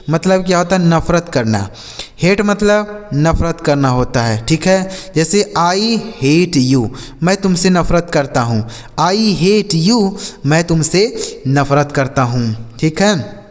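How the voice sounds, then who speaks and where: A man teaches English words at a slow, careful pace, spelling each one out letter by letter. His voice sits somewhat high. A long reverb trails behind him. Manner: spells words letter by letter, repeats example sentences slowly. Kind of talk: slow spelling and vocabulary lesson.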